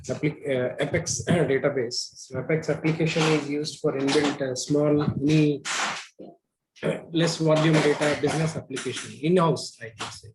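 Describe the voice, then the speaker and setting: Male student on a video call, slightly high voice, halting with many fillers; faint noise behind. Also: steady tone. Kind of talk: question in an online class.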